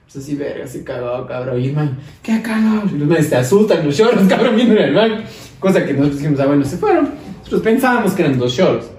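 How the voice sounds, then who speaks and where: Hombre ecuatoriano contando anécdotas con jerga. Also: male voice, on the high side, fast. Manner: animated, slangy, laughs through his stories. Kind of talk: casual chat, storytelling. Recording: roomy echo, distant mic, faint noise.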